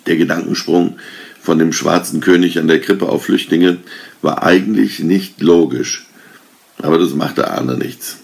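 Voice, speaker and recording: A man reads a Christmas story aloud in a measured, calm way. His voice is low and gravelly, with a husky grain, and he takes his time. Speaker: reader.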